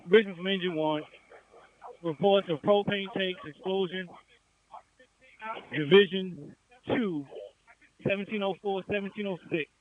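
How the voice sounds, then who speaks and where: A man's voice: high voice, unhurried, long pauses. A man reporting as a firefighter over radio, garbled and hard to understand. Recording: garbled, noisy narrowband fire radio.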